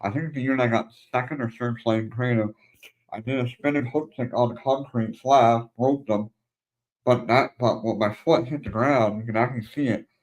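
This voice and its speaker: A man's voice: medium pitch, steady tone, moderate pace, darkish tone, lo-fi sound. Man hosting a martial arts podcast. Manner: conversational, drawing lessons from stories. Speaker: podcast host. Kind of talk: casual interview conversation.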